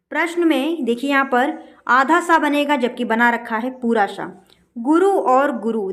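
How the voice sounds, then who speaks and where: A woman teaching a spelling lesson for an exam, going through word after word and dropping her voice when she gives the correct form. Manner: explains each word slowly, lowering her voice on the correct answer.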